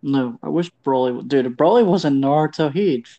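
A man with a mellow, warm-toned voice chats in a relaxed way on a podcast and perks up over anime. The audio sounds dull and lo-fi. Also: on the high side, normal speed. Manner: laid-back, excitable about anime. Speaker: podcast co-host. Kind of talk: casual podcast chat.

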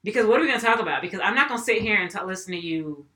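A woman's voice: mid-range voice, expressive, racing, sharp tone. A young woman in casual chat who laughs often and talks with many fillers. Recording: echoey room.

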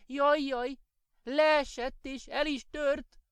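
A man voicing a tiny, excitable male clock gnome in a children's audiobook, fussing and exclaiming. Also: high voice, clean tone, dry recording, pitched above the performer's own voice. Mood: wailing.

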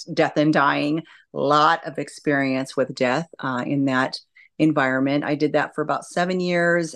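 A woman answering interview questions conversationally as a hospice nurse and educator, reflective and explanatory. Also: sits low.

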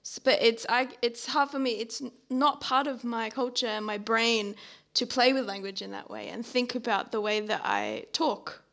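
A high-pitched woman with a gravelly edge of vocal fry chats casually. She is curious and talkative and laughs often. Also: moderate pace, fairly bright tone. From Australia. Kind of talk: casual chat.

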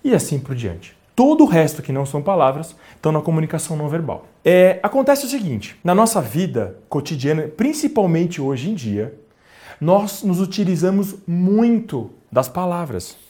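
A man's voice: a little high, big pitch swings, moderate pace, warm tone. A man teaching a video lesson on communication, speaking straight to the viewer with rhetorical questions and acted-out examples. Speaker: communication trainer.

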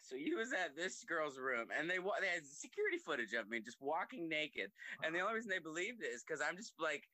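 A man's voice: a little high, very animated, fairly quick, bright, forceful tone, dry recording. A young man telling long, rambling stories in casual chat, full of fillers and acted-out quotes.

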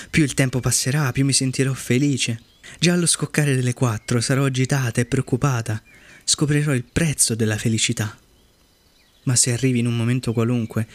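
A man voicing a wise, lonely female fox who explains things slowly and earnestly in a storybook reading. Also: medium pitch, dry recording, lightly acted.

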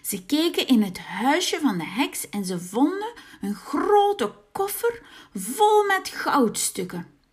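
Slow, sing-song woman storyteller. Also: high-pitched. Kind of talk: children's story reading.

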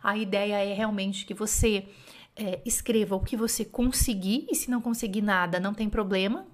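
A woman's voice: mid-range voice, fairly even intonation, normal speed. A woman teaching French in a casual online lesson, chatty and encouraging, often thinking aloud and correcting herself. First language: Portuguese.

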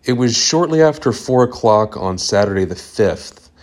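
A man hosting a podcast, reading a scripted comic story in a deadpan, earnest way from a home basement. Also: medium pitch, moderate pace. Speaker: podcast host. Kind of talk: scripted comedic narration.

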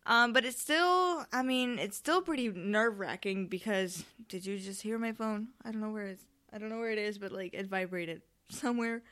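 Teen girl from spain rambling on her podcast, lots of ums, smooth clear voice, kinda tired and nervous. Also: mid-range voice, normal speed, hardly any pauses, fairly bright tone. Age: late teens. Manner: rambling, self-interrupting, many ums. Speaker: podcast host. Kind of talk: casual solo podcast chat.

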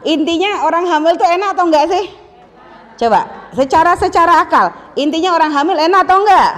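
Animated high-voiced woman preacher, reverberant hall. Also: fairly quick, a faint crowd. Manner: lively, teasing, acts out quoted voices. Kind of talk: religious talk to women.

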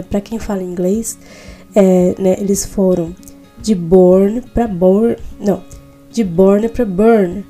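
A woman's voice: medium pitch, dark tone. A Brazilian woman with a Brazilian Portuguese accent hosting a devotional podcast, talking in a reflective, chatty way and sometimes correcting herself. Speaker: podcast host. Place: home in Switzerland.

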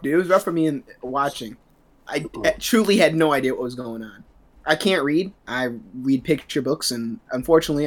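A man co-hosting a casual podcast, rambling on with playful self-mockery and saying "dude" all the time. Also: on the high side. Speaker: podcast co-host giving a review.

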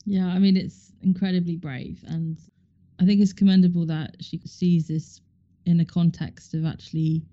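Low, very dark-voiced woman. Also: flat delivery, normal speed, dull audio. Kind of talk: reflective discussion.

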